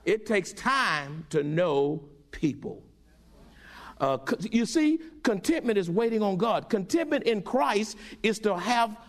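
A middle-aged male pastor preaching a sermon with animated call-and-response to his congregation. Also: high voice.

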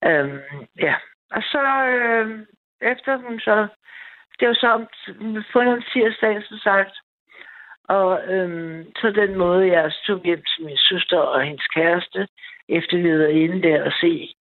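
A woman calling in to a night radio show, telling a personal story in a rambling, eager way with many restarts. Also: mid-range voice. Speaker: caller. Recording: tinny phone line.

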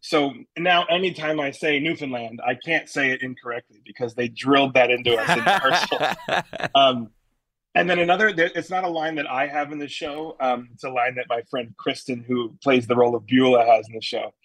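A man with a New England accent answers interview questions about his stage work, rambling easily with many ums and restarts. His voice has a husky, slightly breathy edge, and it sounds close and dry with no room around it. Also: medium pitch, fairly quick, a bit bright, dry recording, low-quality recording. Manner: chatty, many fillers and restarts. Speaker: stage actor, interview guest.

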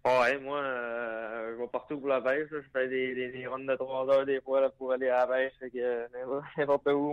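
A young man with a Lac-Saint-Jean Quebec French accent, answering interview questions hesitantly and filling pauses often. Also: medium pitch, clean tone, narrow, tinny audio. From Quebec, Lac-Saint-Jean region. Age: young adult. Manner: hesitant, many fillers and restarts. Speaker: hockey player guest.

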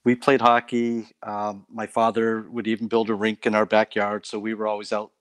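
A man from Canada, a guest on a faith talk show, telling stories about his life in a relaxed way with light laughs. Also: fairly low pitch, normal speed, clear, resonant tone, no room sound. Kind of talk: casual testimony interview.

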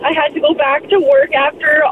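A high-voiced woman calls in from her car on a Bluetooth speakerphone. The line is thin and phone-like, with road noise clearly underneath. She talks casually and chattily, with lots of fillers and a slightly uneasy edge. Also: little pitch movement, fairly quick. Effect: car speakerphone over Bluetooth. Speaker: caller. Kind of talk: casual storytelling on a call-in. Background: vehicle noise.

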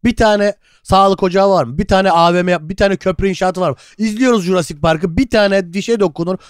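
A man co-hosting a comedy podcast, firing off jokes at a brisk clip. His voice sits a touch high, and the recording is close and dry with no room sound. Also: clean tone, dry recording. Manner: jokey, riffing, quick banter. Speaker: podcast co-host. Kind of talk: casual comedic chat.

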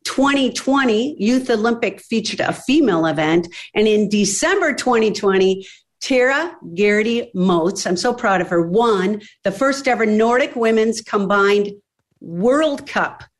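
A woman's voice: medium pitch, expressive, unhurried. A woman hosting a podcast, talking emphatically and rallying her listeners. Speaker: podcast host. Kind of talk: enthusiastic advocacy talk.

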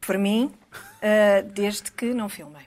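A woman's voice: mid-range voice, fairly even intonation, slow, darkish tone. A woman with a European Portuguese accent co-hosting a casual panel chat, dry and ironic in manner. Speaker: talk show co-host.

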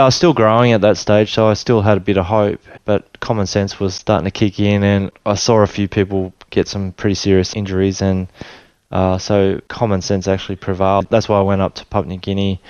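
A lowish, resonant Australian man in his forties talks through his own story in an easy, meandering way. He often stops and restarts his sentences, and his tone barely rises or falls. The sound is slightly dull, like a remote line from home. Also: brisk, smooth, no room sound. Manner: relaxed and rambling, with frequent restarts. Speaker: guest. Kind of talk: casual storytelling interview.

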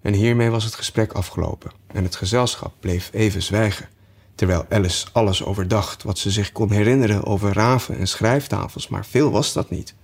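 A man narrating a storybook in a measured, even reading voice. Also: on the low side. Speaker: audiobook narrator.

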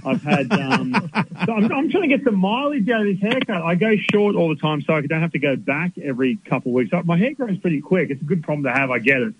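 A man with an Australian accent, a baseball analyst calling in to a sports radio show, chatty and quick to laugh. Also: fairly high pitch, lively intonation, a little hiss or hum. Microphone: phone call. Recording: tinny phone line.

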